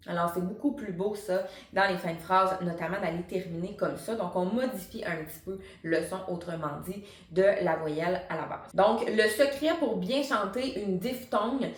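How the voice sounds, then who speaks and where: A woman's voice: on the low side, moderate pace, hardly any pauses, echoey room. A woman, a singing teacher giving a chatty, explanatory online singing lesson. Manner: chatty and explanatory, many fillers. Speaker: singing teacher and vocal coach.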